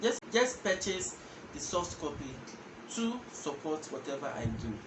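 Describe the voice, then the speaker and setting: Here the young Ghanaian-accented host sounds a little high and sing-song, moving at a measured pace through a casual language lesson. Facing the camera, he explains things step by step and repeats words. It was recorded indoors against a patterned wall, in an echoey space with background noise.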